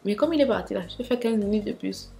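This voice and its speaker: A woman's voice: mid-range voice, quick pace, creaky, mellow, soft background music. A young woman telling a dramatic storytime vlog, talking straight to her viewers with asides. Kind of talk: animated storytime monologue.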